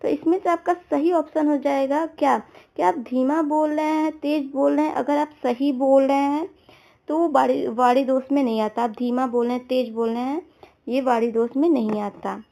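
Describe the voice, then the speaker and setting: In a high, dark-toned voice with vocal fry, fairly even intonation and normal speed, a woman explains exam questions. She discusses the answer options as an exam-prep teacher, frequently using everyday examples and saying "theek hai" to confirm understanding.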